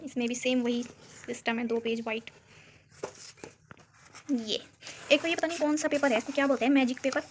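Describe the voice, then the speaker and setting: Young female home vlogger from Uttarakhand, chatty and giggly, talks to viewers on a phone; highish, even-toned voice. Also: brisk, long pauses, a little hiss or hum. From Uttarakhand, India. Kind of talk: casual chat showing a photo album. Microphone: phone camera.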